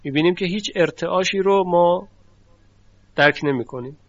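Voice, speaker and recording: A man delivers a formal lecture on recitation phonetics, pausing to demonstrate sounds aloud. His voice sits a little high for a man. The recording is dry and slightly dull, lo-fi. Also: dry recording. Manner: formal, courteous teaching register. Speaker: teacher of Quranic recitation phonetics.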